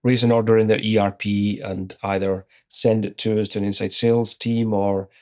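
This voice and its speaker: Talking at normal speed with a fairly low pitch, a Scottish-accented executive in his fifties shares a relaxed anecdote during an interview. He's from Scotland and retells his own exchanges in a conversational way.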